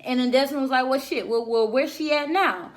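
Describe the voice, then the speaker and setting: Animated woman recapping a TV episode. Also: high-pitched, fairly quick. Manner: animated, acts out characters' lines. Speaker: TV recap vlogger. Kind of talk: casual profane episode recap.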